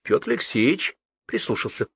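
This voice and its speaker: A man reading an audiobook in a lively, dramatic narration style. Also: medium pitch, normal speed, husky, dry recording, studio quality. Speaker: audiobook reader.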